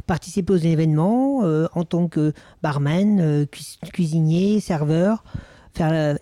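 Recorded with no echo, a somewhat high, warm male voice belongs to an interview guest from Maine-et-Loire, France. Sitting in a village bar for a casual chat, he hesitates often, filling pauses and starting over.

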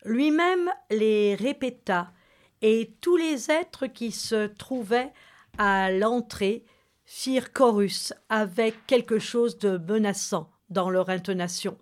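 Brief: female audiobook reader, unhurried, lightly raised pitch. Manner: slow, calm storytelling. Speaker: reader and host of the reading. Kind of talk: scripted narration of a novel.

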